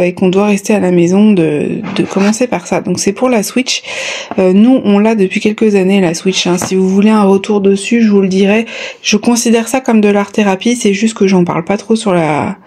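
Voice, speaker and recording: A woman vlogger chatting casually to viewers, slightly short of breath, in a halting way with drawn-out pauses. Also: medium pitch, dark tone. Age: adult, a parent of a child. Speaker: YouTube vlogger. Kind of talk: casual chat to viewers, unboxing.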